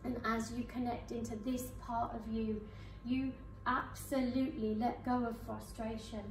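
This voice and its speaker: A woman's voice: a little high, level tone, distant mic, a little hiss or hum. Soothing woman guiding hypnosis, echoey room. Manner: slow soothing suggestions with counting. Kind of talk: guided hypnosis session. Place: conference room with live audience. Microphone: far camera.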